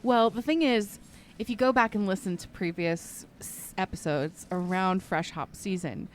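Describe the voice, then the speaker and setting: A woman's voice: medium pitch, moderate pace, slight background noise. A woman co-hosting a casual podcast chat in an easygoing way, asking the guests questions.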